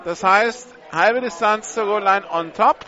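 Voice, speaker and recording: A man's voice: high voice, unhurried, pushed and bright, muffled recording. A man giving live play-by-play commentary on an American football game.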